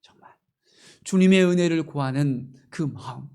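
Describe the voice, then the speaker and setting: A male pastor delivers an impassioned sermon in a high, gravelly voice. He swings from loud exclamations to near-whispers and keeps asking rhetorical questions, throwing in a questioning "eh?" along the way. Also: moderate pace.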